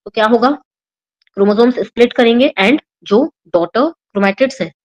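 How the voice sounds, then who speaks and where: Young indian woman teaching biology for exams, explains slow and keeps asking "right?". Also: a little high, poor audio. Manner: explains slowly, checks in with "ठीक है?" and "right?" after each point. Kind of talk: exam-prep lesson, mixing Hindi and English.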